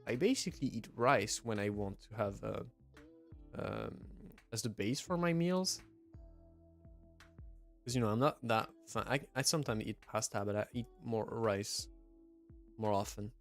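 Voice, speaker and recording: Pausing often, a young French-accented streamer from southwest France talks casually and reads chat aloud in a lowish voice that's a little slow and has vocal fry. His speech is hesitant, with plenty of fillers and restarts. Soft music sits in the background.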